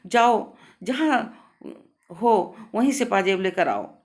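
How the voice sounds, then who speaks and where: A woman's voice: mid-range voice, moderate pace, natural voice. A woman voicing a patient middle-aged father who tries to settle a quarrel in a short story. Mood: stern.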